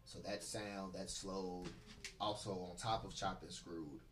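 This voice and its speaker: A man's voice: low-pitched, steady tone, a little slow. A man in casual group chat, talking in a loose, rambling way with slang and many restarts.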